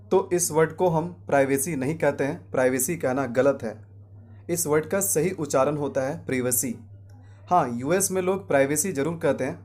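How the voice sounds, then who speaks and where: A man's voice: a little high, darkish tone. A man teaching English pronunciation in Hindi, who asks and answers his own questions and repeats the correct form. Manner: slows right down for English example sentences. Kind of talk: pronunciation lesson.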